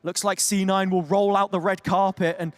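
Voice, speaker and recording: A man casting a competitive video game match with fast, punchy play-by-play calls and colorful phrases. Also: high-pitched, little pitch movement. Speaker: esports caster. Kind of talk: play-by-play commentary.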